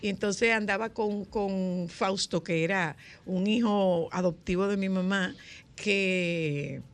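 A woman with a Dominican accent, hosting a casual chat and telling lively stories, acting out the dialogue. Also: mid-range voice, takes it slowly. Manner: lively storyteller, acts out dialogue.

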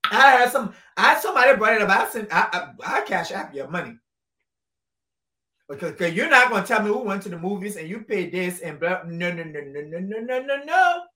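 A woman from Liberia talks casually and emphatically, repeating phrases for weight. Her pitch sits at a middle level for a woman, and the room adds a clear echo to her voice. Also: sing-song, a little fast, pushed and bright. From Liberia, West Africa. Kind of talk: casual conversational discussion. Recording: roomy echo.

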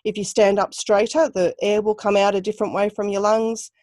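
A woman speaks as a guest on a podcast in a mid-range voice, recorded close and dry with no room sound. She explains things in a thoughtful, practical way during a relaxed chat. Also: mid-range voice, brisk, no echo. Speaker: guest author and self-narrator. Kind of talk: casual podcast interview.

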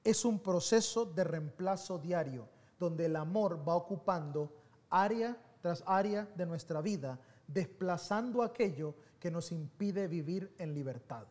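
A man giving a sermon as pastor, telling personal stories in an animated, conversational way that swings between soft and loud. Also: sits high, measured pace.

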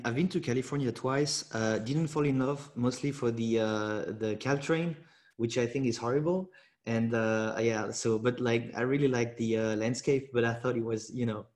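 A man hosting a podcast interview, asking halting questions full of fillers. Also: mid-range voice, fairly even intonation, darkish tone. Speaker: podcast host.

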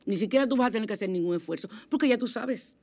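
A woman radio host, giving spiritual self-help advice in a chatty, expressive way with sudden exclamations. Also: fairly high pitch, very fast. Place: radio studio.

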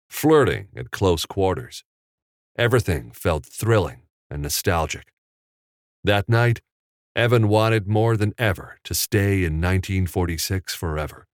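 A man narrating an audiobook in a measured, steady storytelling manner on a close studio mic. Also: sits low, no echo.

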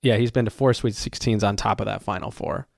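A man's voice: on the low side, steady tone, a little fast, creaky, darkish tone, no room sound, clean studio sound. A man co-hosting a casual sports podcast, rambling through coaching stats with lots of ums and restarts. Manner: rambling, stacks up stats with many fillers. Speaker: podcast co-host.

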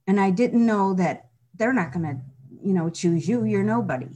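A middle-aged woman speaks earnestly and reflectively as a guest in a candid personal interview, often restarting sentences and saying "you know." Her mid-range voice is expressive and mellow, at normal speed.

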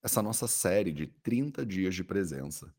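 Brazilian guy leading a meditation, really low voice, soothing and slow with pauses. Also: breathy edge. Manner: calm, soothing, unhurried instruction with pauses. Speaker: meditation teacher. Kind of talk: guided meditation.

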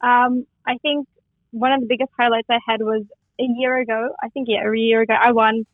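Speaking briskly with little pitch movement, a young adult poet from Western Sydney, Australia, is interviewed as a guest by phone. Her somewhat high voice comes through a dry, tinny line, and she sounds enthusiastic and reflective.

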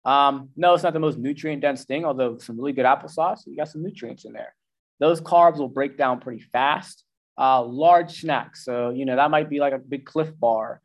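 At normal speed and medium pitch, a male nutrition coach casually explains meal timing and food choices. It's a loose, slangy, filler-heavy instructional chat, complete with goofy voices for the brain.

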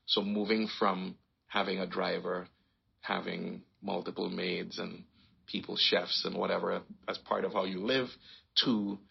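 A man raised in Trinidad and Tobago, telling his life story in a relaxed, rambling way as an interview guest. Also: sits low, unhurried, creaky, breathy edge, highs cut off. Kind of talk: casual conversation.

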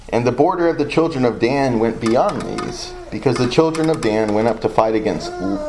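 A man's voice: mid-range voice, darkish tone, a little hiss or hum, low-quality recording. A man with a Southern US accent leading a Bible study, thinking aloud in a loose, hesitant way as he reads and discusses scripture.

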